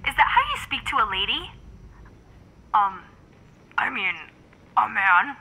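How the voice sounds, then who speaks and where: A woman's voice: medium pitch, expressive, a little slow, pushed and bright, husky, exaggerated voice, poor audio. A woman voicing a young female soldier who pretends to be a man, stumbling over her words in a game-video comedy. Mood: flustered. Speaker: new squad private. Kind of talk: amateur machinima voice acting.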